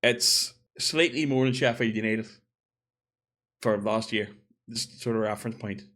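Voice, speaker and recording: A man's voice: lowish voice, measured pace, fairly bright tone. A man giving a casual opinion monologue, chatty and thinking aloud as he corrects himself. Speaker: gaming video creator.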